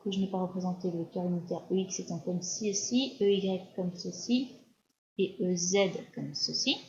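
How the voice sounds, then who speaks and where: A woman physics teacher with a French accent giving a recorded lecture while writing at the board, often pausing and restarting her sentences. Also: lowish voice, a little mellow. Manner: explanatory, with frequent hesitations and restarts. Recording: dull lo-fi lecture recording with faint hiss.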